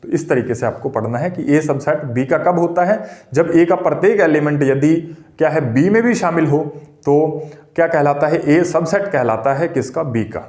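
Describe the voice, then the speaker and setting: A man's voice: a little high, moderate pace, darkish tone, reverberant. A man teaching a maths lesson for a teaching exam, explaining step by step and repeating himself. He asks the class questions and then answers them himself. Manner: repetitive and explanatory.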